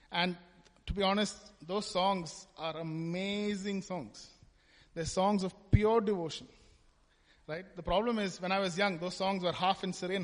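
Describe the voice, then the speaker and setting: A high-voiced man from Kerala, India gives a personal testimony at church, chatting conversationally and tagging lines with "right?". A long reverb from the big hall echoes around him.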